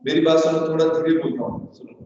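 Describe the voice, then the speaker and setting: A man's voice: on the high side, fast talker, a little mellow. A male teacher in an online class, quizzing his students in sing-song prompts, his voice carrying the heavy echo of a big empty room. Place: large empty room with doors open. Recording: echoey empty hall, distant dull mic.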